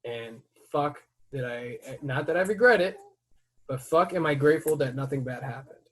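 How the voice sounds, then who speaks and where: A man hosting a podcast who tells a story in casual chat. He swears freely and breaks into loud, heated outbursts as he retells it. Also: fairly high pitch, animated, normal speed, breathy edge. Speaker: podcast host.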